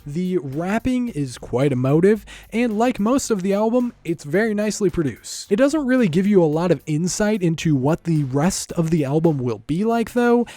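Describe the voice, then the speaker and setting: A man's voice: high-pitched, lively intonation, moderate pace, dark tone, no echo. A man narrating a scripted music review in a wry, opinionated tone.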